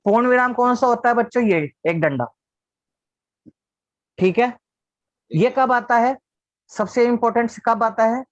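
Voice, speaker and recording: A man's voice: very high voice, unhurried, long pauses, dry recording. A man teaching an online class, patiently asking the class questions and answering them himself. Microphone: video call. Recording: dull lo-fi online class audio.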